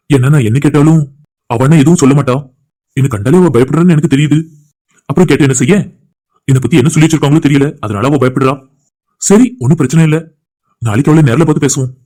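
A man voicing a lovesick young village man in a cartoon, speaking a soft, sincere inner monologue. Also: fairly high pitch, quick pace, pauses often, voice pushed down, natural voice. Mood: brooding. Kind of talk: cartoon voice acting.

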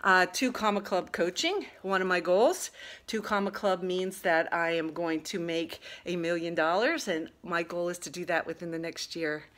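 An older woman chatting excitedly and a bit out of breath while unboxing a package at home, getting sidetracked as she talks. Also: lowish voice, moderate pace. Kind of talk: casual unboxing vlog. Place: at home, indoors.

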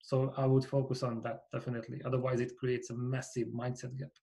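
A man in his forties from Hungary with a Hungarian accent, speaking as a guest on a podcast over a video call, earnest and measured as he explains his ideas. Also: mid-range voice, little pitch movement, gravelly, mellow. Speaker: company founder, guest. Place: small home office with bookshelves. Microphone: over-ear headset with boom mic.

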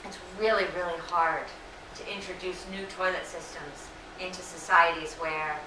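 A middle-aged woman answering audience questions at a lecture, earnest and full of fillers and self-corrections, her voice slightly hoarse. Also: fairly low pitch, little pitch movement, moderate pace, noisy background. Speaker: invited lecture speaker. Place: lecture hall. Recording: echoey room, distant mic.

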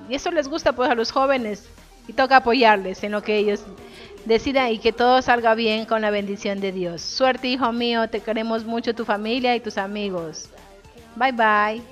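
A woman, the YouTuber's parent, speaking in an earnest, well-wishing way in a short recorded message. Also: a little high.

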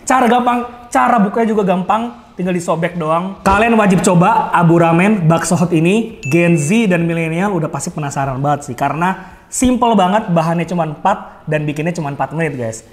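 A man's voice: high-pitched, fairly quick. A young man with hosting a mukbang, chatty and promotional as he talks to his audience and his guest. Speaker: mukbang host. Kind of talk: casual chat while eating.

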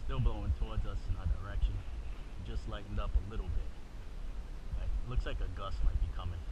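A sailor filming his own trip on a small sailboat out on open water gives casual running commentary, whooping and calling out to people ashore. His voice is on the low side, steady in tone, and brisk. The boat-mounted action camera picks up loud wind and water noise, and the highs are cut off.

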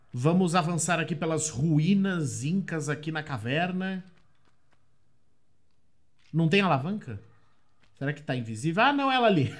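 Excitable Brazilian man commentating gameplay. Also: on the high side. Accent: Brazilian Portuguese. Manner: excitable, exclaims and shrieks in surprise; chatty, addresses viewers often. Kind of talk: let's play commentary.

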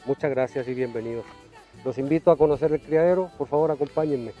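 A Chilean horse trainer in his fifties tells stories during an outdoor ranch interview, his Chilean Spanish carrying some Mexican influence. He's a warm storyteller with a mid-range voice who speaks fast, trails off softly, and restarts phrases often. The lapel mic gives lo-fi sound, with faint music in the background.

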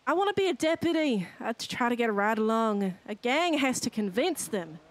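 A woman's voice: fairly high pitch, sing-song, a little fast, dry recording. A young woman giving a theatrical, mock-passionate dramatic read of lyrics in a roleplay game, close on the mic. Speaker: GTA roleplay streamer in character.

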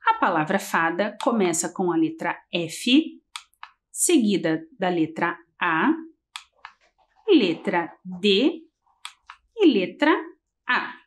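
A woman teacher leading a TV literacy lesson for young children, talking in a slow sing-song and stretching syllables as she counts letters. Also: fairly low pitch, sing-song. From Brazil. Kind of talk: early-grade literacy lesson on TV.

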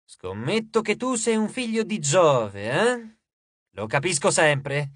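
A sly trickster dwarf who teases with a slow, smug drawl, voiced by a man narrating an audiobook. His lines ride a little above a plain speaking voice. The sound is close and dry. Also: sits high, very animated, fairly bright tone, no echo, heavily acted. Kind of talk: audiobook character voice.

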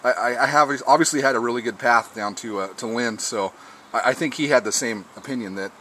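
An amateur radio operator checks his rig on a patio table beside a lawn, talking casually in a medium-pitched voice that is brisk, pushed, and bright. It was recorded outdoors. Faint noise sits in the background.

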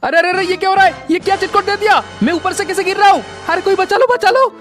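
A man doing a high-pitched boastful game hero. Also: a little fast. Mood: panicked. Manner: bragging then panicky, yelps in alarm. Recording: background music.

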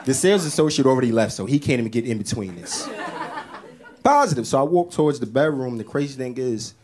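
A man from the Bronx, doing a stand-up set in an animated, exclamatory way full of street slang. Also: medium pitch, fast talker. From the Bronx, New York. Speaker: stand-up comedian. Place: stage before a live audience. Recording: live stage with audience laughter.

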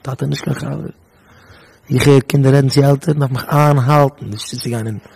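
Husky animated man giving a talk. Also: mid-range voice, fairly quick. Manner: animated, acts out children and parents' voices. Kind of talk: Yiddish lecture to students.

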